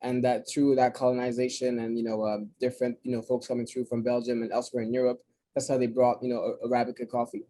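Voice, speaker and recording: A man in his thirties from DR Congo, now in New York City, explains his coffee importing business in a casual interview. His mid-range, warm voice is fast and completely flat, and he is thoughtful but often restarts his sentences.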